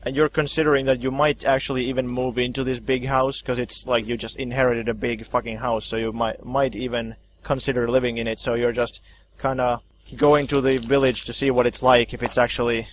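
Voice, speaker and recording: A man runs a tabletop horror game in loose, halting narration, full of ums and likes. His voice sits at a middle pitch, with a faint hiss underneath. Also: little pitch movement. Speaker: game master.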